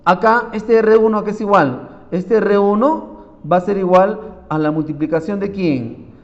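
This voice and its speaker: A man with a high voice teaches physics, talking his students through problems step by step. He keeps telling them to look and asks them questions as he works. The recording is dull and muffled, with a long, lingering reverb. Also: normal speed. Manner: keeps saying "miren", quizzing students. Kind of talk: classroom lecture solving problems.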